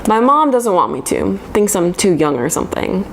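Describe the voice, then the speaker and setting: A woman's voice: medium pitch, sing-song, moderate pace, a little hiss or hum. A woman in her twenties reading her old diary aloud in a casual, chatty way, embarrassed and poking fun at herself. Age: 20s. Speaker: vlogger reading her old teenage journal.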